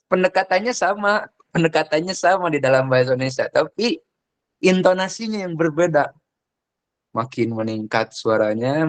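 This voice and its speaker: Man giving a lecture. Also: medium pitch. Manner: explains with examples, recites Quran verses slowly. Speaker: Arabic language teacher. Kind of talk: casual classroom lecture.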